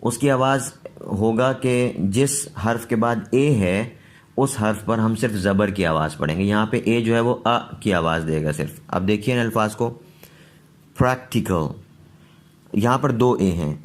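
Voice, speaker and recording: A man teaching English pronunciation, explaining rules patiently and repeating each word slowly. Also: lowish voice. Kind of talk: slow pronunciation lesson.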